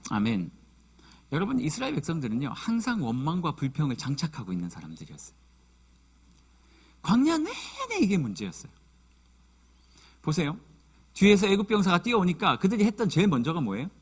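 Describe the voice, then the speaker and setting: A man's voice: a little high, wildly swooping pitch, brisk, long pauses, breathy edge. A man in his thirties preaching a sermon as a youth pastor, telling the story vividly and acting out the quotes.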